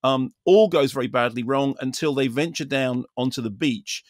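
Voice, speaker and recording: A man's voice: medium pitch, moderate pace, no room sound, clean studio sound. A British man giving a spoken film review as a critic, discursive and opinionated.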